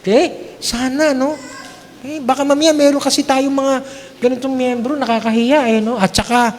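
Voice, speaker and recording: A man's voice: very high voice, fairly even intonation, normal speed, big-room sound, slight background noise. A man preaching a sermon as pastor, talking conversationally and checking in with his congregation, switching between Tagalog and English. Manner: conversational, checks in with "okay?" often. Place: church.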